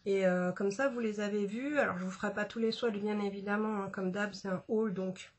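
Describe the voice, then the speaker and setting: A woman's voice: medium pitch, steady tone, fairly quick, slightly rough. A woman chatting casually about a makeup haul, with many fillers and restarts. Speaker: beauty vlogger.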